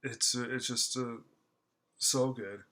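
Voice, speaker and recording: A man's voice: medium pitch, steady tone, sharp tone. A man giving a casual spoken film review, gushing and stammering with lots of fillers and restarts. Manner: stammering, halting with many fillers; gushing and enthusiastic. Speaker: movie reviewer.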